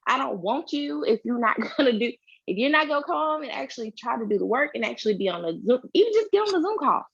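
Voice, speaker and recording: A woman's voice: on the high side, sing-song, fast, vocal fry, a bit bright, slightly rough. Chatty woman on a muffled call. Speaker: network marketing recruiter. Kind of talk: casual chat on a video call.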